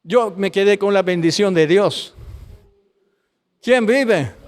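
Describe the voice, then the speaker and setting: Man, preacher giving a testimony, high-pitched voice, fervent and pleading, long hall reverb. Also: slow pace. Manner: impassioned, pleading, addresses listeners as brother. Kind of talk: testimony sermon.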